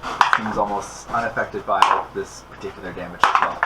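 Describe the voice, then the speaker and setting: A man as game master, describing scenes in a relaxed way and chuckling between lines. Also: lowish voice, brisk, heavy background noise. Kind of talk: narrating a tabletop game.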